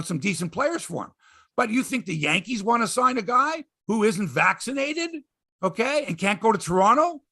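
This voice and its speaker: High-pitched, animated male sports talk host. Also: creaky. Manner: emphatic, exasperated, repeats phrases, rhetorical questions; salty, profane. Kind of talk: opinionated sports talk rant.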